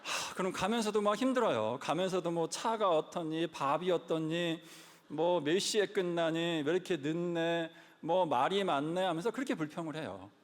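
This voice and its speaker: A man giving a lively sermon-style talk, telling stories and repeating key lines for emphasis. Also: a little high, normal speed. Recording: long hall reverb.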